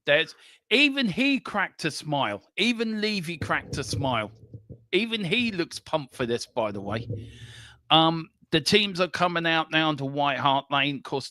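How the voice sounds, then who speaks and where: Man, watchalong host, eager chatty delivery, mid pitch, dry close mic. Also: no room sound. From Ireland. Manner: animated, eager, chatty with frequent ums. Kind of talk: excited live football watchalong commentary. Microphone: earpiece headset on a live stream.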